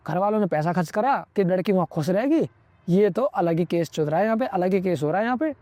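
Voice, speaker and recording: Young male vlogger, high pitched and preachy, dry close sound. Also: animated, a little fast, dark tone, dry recording. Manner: preachy, lecturing, constantly says "ठीक है". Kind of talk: opinionated advice monologue.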